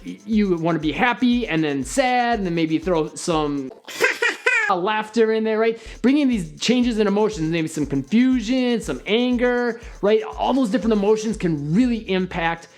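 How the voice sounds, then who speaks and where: A young man hosting a casual video on growing a channel, talking straight to camera and swinging between upbeat and deliberately flat delivery. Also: high-pitched. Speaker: YouTube marketing host. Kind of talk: casual to-camera advice talk.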